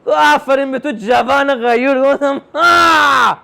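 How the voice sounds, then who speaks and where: A young man performing a stand-up comedy routine, telling family stories and acting out the dialogue in an animated way. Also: very high-pitched. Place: comedy club stage with live audience.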